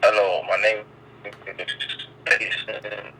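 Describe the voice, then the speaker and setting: A man's voice: on the low side, little pitch movement, vocal fry, sharp tone, a little hiss or hum. Male caller on a phone line cutting out. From Miami, Florida. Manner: halting, repeats himself to get through. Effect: phone call breaking up, cutting out. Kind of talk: call-in radio comment. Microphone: phone call.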